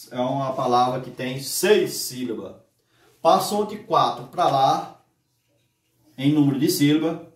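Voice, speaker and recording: A male teacher with a mid-range voice gives a grammar lesson, taking his time, asking the class questions and drawing each word out syllable by syllable. He is off mic, a bit away, in a roomy, echoing space.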